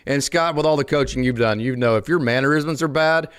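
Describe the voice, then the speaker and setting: A man's voice: medium pitch, fairly quick, fairly bright tone, clear, resonant tone. A man hosting a casual sports talk show, asking his co-host questions and adding short agreements.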